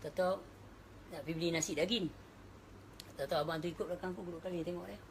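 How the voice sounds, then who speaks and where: A woman's voice: lowish voice, fairly even intonation, racing, slight background noise. A woman with a northern Malaysian accent giving a casual religious talk, chatty and dropping in English words. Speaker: religious speaker.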